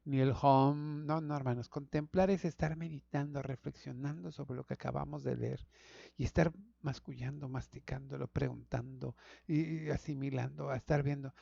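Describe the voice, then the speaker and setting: A middle-aged pastor teaching a Sabbath school lesson to an online audience, talking conversationally, repeating words and calling listeners brothers. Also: male voice, mid-range voice, fairly even intonation, normal speed, gravelly, dark tone, no echo, dull audio.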